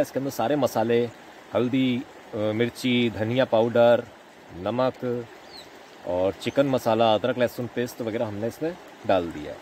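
Fairly low and a little mellow, the voice belongs to an Indian man in his thirties who cooks by a river and chats with his audience as friends. He films himself on a phone held at arm's length, and the outdoor recording is noisy.

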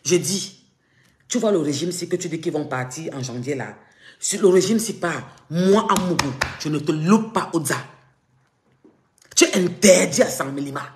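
A woman's voice: deep voice, animated, moderate pace, roomy sound, noisy background. A woman with a Cameroonian French accent, ranting on a live stream in a taunting, mocking, threatening way. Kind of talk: confrontational live-stream rant.

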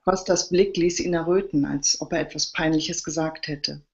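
A woman, the author, reading her crime novel aloud live in a steady narrating voice. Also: low-pitched, normal speed, highs cut off.

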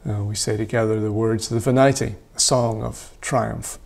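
A man in his thirties leading worship as a priest, reading prayers in a measured, solemn way in a small church room. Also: fairly low pitch, steady tone, creaky, darkish tone. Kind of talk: liturgical reading.

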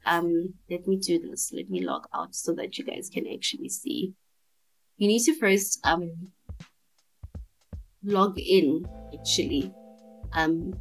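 Chatty South African woman, low voice. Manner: chatty, many fillers, checks in with viewers. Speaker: vlogger giving career advice. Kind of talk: casual talking to camera.

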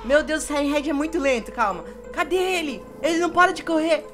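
A man's voice: very high-pitched, fast talker. A young man with a Brazilian Portuguese accent hosting a gameplay video, talking in a playful, scheming, giggly way. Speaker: gaming YouTuber host. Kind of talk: casual gameplay commentary. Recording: background music under voice.

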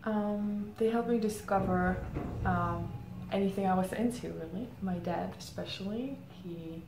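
Interviewed as a guest, a marketing head from the Czech Republic reflects thoughtfully on her answers, often pausing with "um." Her voice is mid-range. The setting is an indoor room with a plain grey backdrop, captured with roomy echo and faint background noise.

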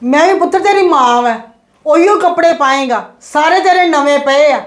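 A woman's voice: on the high side, normal speed, lightly acted. An actress playing a strict, frugal mother of two sons in a family drama, lecturing in an exasperated, scolding way. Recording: echoey room with faint noise.

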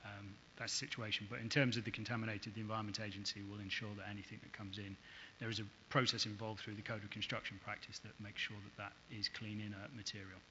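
A man's voice: lowish voice, flat delivery, quick pace, sharp tone. A man, a council officer, giving a formal explanation in answer to questions. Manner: hesitant in places. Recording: dull meeting audio with faint hiss.

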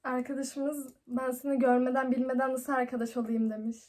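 A woman's voice: sits high, level tone, a little fast, darkish tone. A young woman hosting a video and chatting casually to viewers. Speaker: prank video host. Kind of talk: casual vlog chat.

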